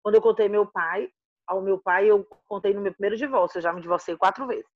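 A woman in her fifties with a Ceará accent, telling her life story in a casual interview, animated and acting out the voices of the people she quotes. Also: mid-range voice, fast, no room sound, lo-fi sound. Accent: Northeastern Brazilian, from Ceará. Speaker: interviewee, mother and activist.

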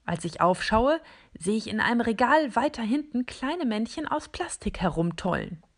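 A woman narrating a first-person children's story in a calm, deliberate way. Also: on the high side.

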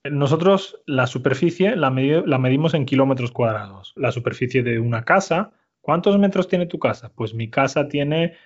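A man from Málaga, teaching a slow, patient lesson, repeating answers and explaining words clearly. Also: medium pitch, highs cut off. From Málaga, Spain. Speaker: Spanish teacher.

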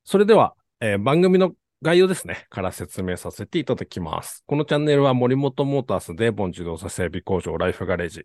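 Low-voiced guy hosting a car podcast, super polite and formal, pitch moves around a lot, dry sound. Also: darkish tone, no echo. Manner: very polite, formal announcer-like phrasing. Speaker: podcast host. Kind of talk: presenting a car talk podcast.

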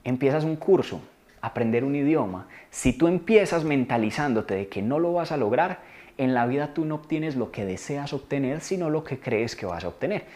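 A man speaks to camera as a motivational video maker, giving an earnest self-help talk that coaches viewers and repeats key phrases for emphasis. His voice is mid-range and darkish in tone, expressive, at a moderate pace.

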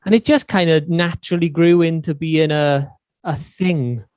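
A man's voice: on the high side, steady tone, normal speed, a little mellow, clean tone, dry recording, studio quality. A man with a Swansea Welsh accent chatting informally and matily as a musician guest on a podcast. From Swansea, Wales. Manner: matey, informal, peppered with "you know". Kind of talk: casual interview chat.

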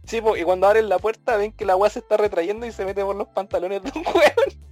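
A man with a Chilean accent co-hosting a podcast, telling stories in lively, slang-heavy casual chat. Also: high-pitched, brisk, soft background music. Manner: animated storytelling full of slang, acting out scenes. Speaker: podcast co-host.

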